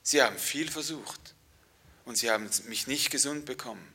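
A man speaking in the first person as a frail woman who has long been ill and longs to be healed, pleading and swinging from loud to hushed. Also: mid-range voice, moderate pace, slightly rough.

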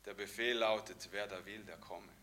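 A man preacher voicing the king's envoy, speaking softly and soothingly. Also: lowish voice, steady tone, normal speed, pitched below the performer's own voice. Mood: reassuring. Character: king's calm, reassuring male envoy.

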